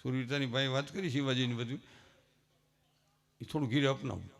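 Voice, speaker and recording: A male comedian, telling animated stories on a live stage and using lots of rhythmic repetition. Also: medium pitch, fairly quick, creaky. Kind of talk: live folk storytelling comedy. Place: live stage show before an audience.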